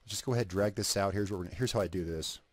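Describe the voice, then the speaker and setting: A low-voiced man speaks very fast in a dry recording, narrating a video edit as he works. He thinks aloud, trails off and restarts, and swears casually around the cigarette in his mouth, in the style of relaxed screen-recording commentary.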